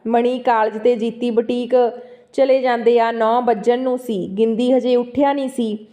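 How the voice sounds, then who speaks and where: A woman's voice: on the high side, little pitch movement, normal speed, warm tone. A woman with a Punjabi accent reading a story aloud as narrator, voicing the dialogue along with the narration.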